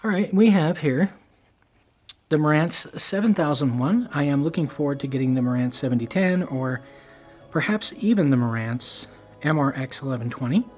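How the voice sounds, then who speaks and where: A man's voice: on the high side, lively intonation, normal speed, darkish tone, soft background music. A man with toothless, slightly slurred speech, casually rambling through a home audio review in a wry, self-deprecating, irreverent way.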